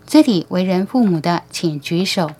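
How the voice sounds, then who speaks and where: A woman reading the lines of a calm male alien teacher in an audiobook, patient and knowing as he talks to human parents. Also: fairly low pitch, moderate pace, slightly rough. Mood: gentle, instructive.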